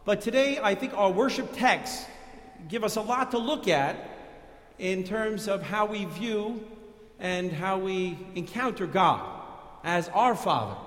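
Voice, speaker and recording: High-voiced New York pastor preaching. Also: male voice, expressive, measured pace, fairly bright tone. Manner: conversational, folksy preaching. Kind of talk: sermon. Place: church. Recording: echoey church reverb.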